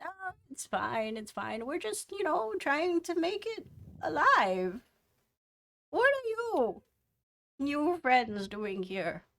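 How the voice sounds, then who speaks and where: A woman doing a high, chirpy granny voice. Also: sing-song, takes it slowly, vocal fry, a bit bright, heavily acted. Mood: resigned. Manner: cheerful, welcoming, resigned. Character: kindly very old woman, warm and weary.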